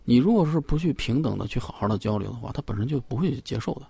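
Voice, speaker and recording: Male parenting expert on a talk show: gravelly, husky voice, animated pitch, loose explanatory delivery. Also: racing, no room sound. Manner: explanatory, with many fillers and repeated phrases.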